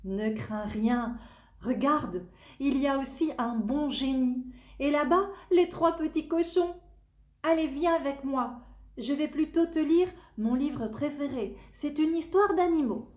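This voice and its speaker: Woman voicing an earnest high-pitched little storybook boy. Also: unhurried, darkish tone. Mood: eager, reassuring. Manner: exclamatory, earnest, sing-song. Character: eager, kindly little boy who loves books. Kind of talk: children's storybook character voice. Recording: echoey room.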